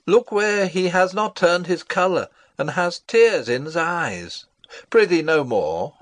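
A man's voice: on the high side, big pitch swings, slow, dry recording. A man playing a fussy, pompous elderly male courtier in a stage play reading.

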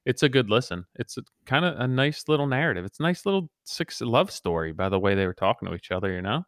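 A male podcast co-host talking in a measured, thoughtful, easygoing way. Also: mid-range voice, big pitch swings, no echo, clean studio sound. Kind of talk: casual podcast conversation.

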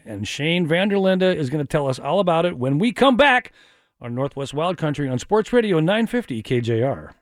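Lively, laughing radio host man. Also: a little high, no echo, studio quality. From Washington State. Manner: lively, jokey, laughs often. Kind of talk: casual radio chat.

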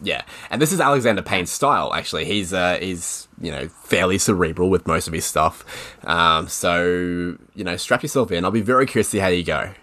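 A man's voice: sits low, brisk, sharp tone. A man co-hosting a podcast, chatting casually and explaining at length, laughing often. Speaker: podcast co-host. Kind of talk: casual chat.

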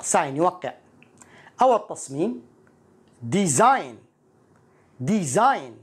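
A woman teaching English pronunciation, repeating each word slowly and clearly so learners can copy it. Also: low voice, a little mellow. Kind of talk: pronunciation lesson with repetition drills.

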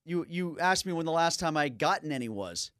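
A man's voice: fairly high pitch, animated, fairly quick, fairly bright tone, clear, resonant tone, dry recording, studio quality. A man appearing as a guest on a sports radio show, teasing and wry in casual chat. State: out of breath. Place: radio studio.

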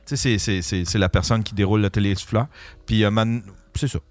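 A man with a Quebec French accent, a podcast host chatting casually and haltingly as he searches for words. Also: lowish voice, fairly even intonation, no room sound, faint music behind. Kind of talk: casual chat.

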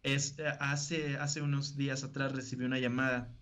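A man's voice: medium pitch, little pitch movement, normal speed, fairly bright tone. A man with a northern Mexican accent, a preacher talking casually as an interview guest and laughing often.

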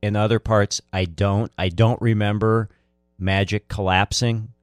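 A man's voice: fairly low pitch, flat delivery, a little slow, smooth, no echo, faint music behind. A man giving casual, conversational sports recollections as a radio panelist. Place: radio studio.

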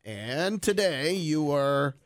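A man's voice: on the high side, expressive, slow pace, no echo, shouting, clean studio sound. A man co-hosting a radio show in casual banter, often stumbling over his words and poking fun at himself.

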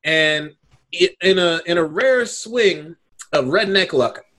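A man's voice: high voice, slow, fairly bright tone. A man co-hosting a casual podcast over a video call, talking in a wry, profane, sarcastic way. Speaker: podcast co-host.

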